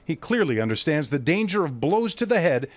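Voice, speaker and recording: A male TV news reporter narrating a scripted story in a measured, clear delivery. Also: fairly high pitch, very animated, no echo.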